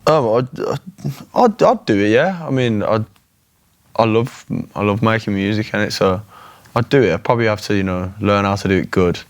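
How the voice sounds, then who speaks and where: A man's voice: on the low side, normal speed. A man with a Birmingham accent, a band member talking casually as a guest, hesitant and slangy with many restarts. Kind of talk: casual chat.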